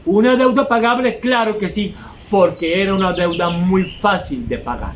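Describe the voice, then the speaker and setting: A man's voice: sits high, moderate pace, slight background noise, rough recording. A man preaching a sermon as pastor, emphatic and mocking hypocrites in mimicked asides.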